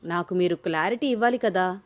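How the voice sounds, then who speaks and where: A woman reading a story, voicing a lively, quick-tongued young woman who protests and insists. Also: fairly low pitch, close to an everyday voice. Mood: insistent.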